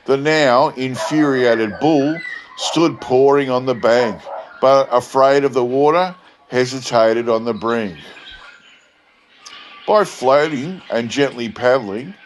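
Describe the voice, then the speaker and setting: Man playing a slow, laconic drawling outback drover. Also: mid-range voice, slight background noise, pitched above the performer's own voice, lightly acted, rough recording. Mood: dramatic. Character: tall, laconic male bush drover spinning a tall tale. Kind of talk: dramatic bush yarn storytelling.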